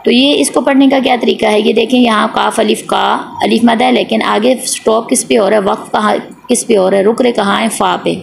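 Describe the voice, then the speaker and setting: A woman teaches a recitation class in a low, gravelly voice, patiently going over each rule twice. She asks her own questions and then answers them, stretching the long vowels out to show how they sound. A faint hiss runs underneath. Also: fairly even intonation, a little fast, few pauses. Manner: draws out the long vowel sounds when demonstrating. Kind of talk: explanatory online class.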